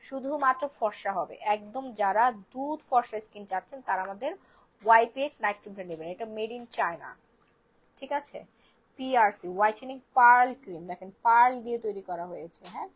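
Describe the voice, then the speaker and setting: A woman's voice: on the high side, a little fast, poor audio. A woman selling skincare on a phone live stream, repeating prices in pushy sales patter while sounding tired and unwell. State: tired and unwell, speaks softly. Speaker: online shop seller.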